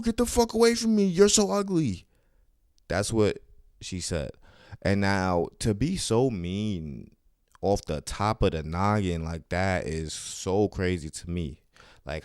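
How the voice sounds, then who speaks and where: A man with a low voice tells a rambling story. He is casual and profane, and he acts out the people in it. His voice is smooth and clear, recorded dry and close to the mic. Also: no room sound. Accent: New York. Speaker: podcast host and comedian. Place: studio.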